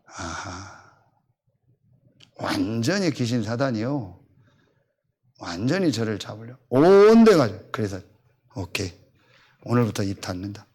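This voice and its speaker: A man's voice: fairly low pitch, vocal fry, breathy edge. A pastor in his fifties telling a personal story in a sermon, acting out the back-and-forth of conversations in a blunt, colloquial way. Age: 50s. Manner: animated storytelling, acting out both sides of conversations.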